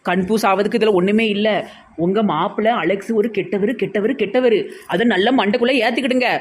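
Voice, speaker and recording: Fast-talking Tirunelveli Tamil woman. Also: medium pitch, steady tone, breathy edge. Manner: insistent and gossipy. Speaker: comedy sketch actor. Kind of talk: village comedy skit.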